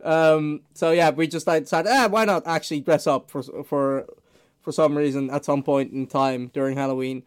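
A young man hosting a casual podcast with friends, talking in a halting, rambling way full of restarts and fillers. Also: fairly high pitch, fairly even intonation, clean tone. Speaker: podcast host. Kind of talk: casual chat among friends.

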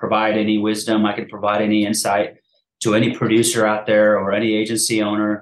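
An Afghan podcast host in his thirties tells his story in a casual interview, recorded in an echoey room. His lowish voice stays completely flat as he talks fast, restarting often and saying "man" a lot.

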